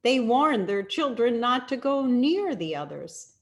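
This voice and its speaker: With a fairly high voice, a woman storyteller and rabbi reads a children's picture book out loud. She uses a deliberate, expressive narrating manner and lets dramatic pauses hang.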